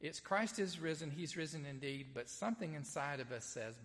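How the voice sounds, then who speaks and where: A pastor with a Southern US accent preaches an Easter sermon and reads scripture in a folksy, conversational style, with plenty of ums and uhs. His fairly high voice is animated, moderately paced and a bit bright. The live stream from the church sanctuary carries a big-room sound.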